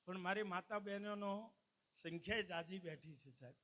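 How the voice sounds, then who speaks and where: High bright-voiced comic storyteller. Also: male voice, normal speed. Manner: animated, addresses the crowd as "saheb". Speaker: stand-up folk comedian at a dayro. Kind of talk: live comic storytelling to an audience.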